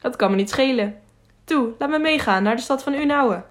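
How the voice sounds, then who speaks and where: An eager, cheerful young mountain lad in a storybook audiobook, as a woman reads him. He pleads in a lively way and sits a little higher than her usual voice. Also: brisk.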